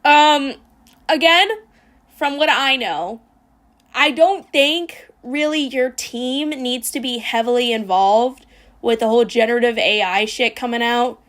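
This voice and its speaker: High bright-voiced woman ranting on stream. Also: measured pace. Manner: blunt and profane, ranting, mocking; sarcastic mimicking voices. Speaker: streamer reacting to a video. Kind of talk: casual reaction commentary.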